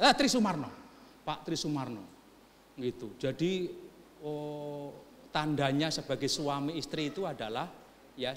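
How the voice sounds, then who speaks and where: A middle-aged man preaching a sermon, joking with the congregation and then rising into loud, urgent exhortation. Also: on the high side, a little hiss or hum. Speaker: pastor. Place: church sanctuary. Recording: long church hall reverb.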